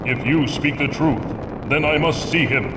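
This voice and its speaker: An actor voicing a haughty Aztec warrior deity in a video game, making stern, righteous, solemn declarations. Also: male voice, on the high side, unhurried, far from the mic, heavy background noise, lightly acted. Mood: imperious, stern.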